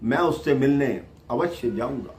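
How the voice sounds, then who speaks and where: A man voicing a serene, fearless male sage who speaks calmly and quietly. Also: mid-range voice, moderate pace, close to an everyday voice. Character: calm, serene male sage, gentle and unafraid.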